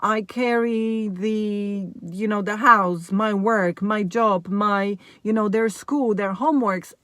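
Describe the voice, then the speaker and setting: Slow, reflective woman vlogger. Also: medium pitch, a bit bright, dry recording. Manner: musing, often asks "right?" and says "like, you know". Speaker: vlogger and mother of four. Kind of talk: casual reflective monologue.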